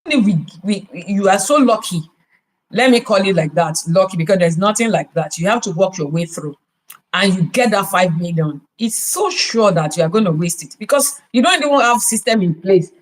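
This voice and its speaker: A podcast host with a Nigerian accent gives business advice in an animated, mid-range voice at a fairly quick pace. He's emphatic, leans on rhetorical questions, and repeats key words, though the audio quality is poor.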